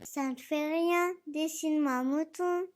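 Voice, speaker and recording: A small, earnest little prince boy played by an actor in a dramatic storybook reading. The voice is very high and childlike, with slow, deliberate delivery. He is solemn and insistent, in a theatrical manner. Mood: earnest pleading.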